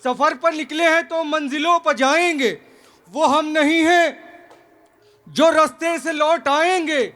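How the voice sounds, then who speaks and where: A man reciting his poetry at a live event, slow and emphatic, with lines drawn out and repeated. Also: steady tone. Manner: loud, high-pitched, emphatic recitation. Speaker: audience poet.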